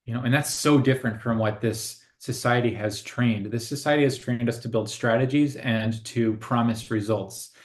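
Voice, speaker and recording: A man's voice: mid-range voice, moderate pace, few pauses. A man co-hosting a casual spiritual conversation, speaking in an earnest, reflective way and laughing often. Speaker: co-host.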